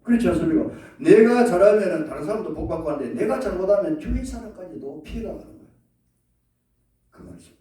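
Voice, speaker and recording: A male pastor preaching a sermon, animated, acting out quoted prayers and leading the congregation to repeat after him. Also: high-pitched, fast talker. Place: church sanctuary. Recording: echoey church hall from far off.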